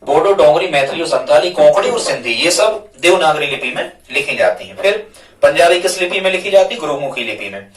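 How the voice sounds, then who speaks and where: A man with a slightly high voice teaches a grammar lesson at a whiteboard. He patiently repeats his questions back to the students. The sound is roomy and echoey, picked up from a distance. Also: animated, a little fast. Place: classroom with a board. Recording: echoey room, mic far off.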